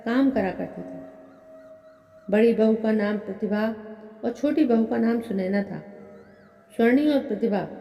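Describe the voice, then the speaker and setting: A woman's voice: a little high, dark tone. A woman narrating a family story as the channel's storyteller, in an echoey room. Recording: echoey room with long reverb.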